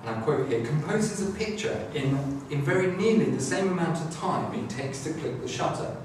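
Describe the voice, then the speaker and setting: A middle-aged man gives an academic lecture in an indoor classroom with a screen, halting through his ideas with many restarts and fillers. His voice is a little high, expressive and darkish in tone. A far-off camera mic catches him across a very echoey room, with a clear hum of room noise underneath.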